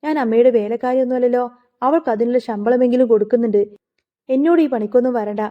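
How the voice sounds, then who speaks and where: A woman's voice: on the high side, fast talker, natural voice. A woman voicing a lazy, sneering college-age daughter. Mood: dismissive. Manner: dismissive, sneering. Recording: phone-like narrow sound.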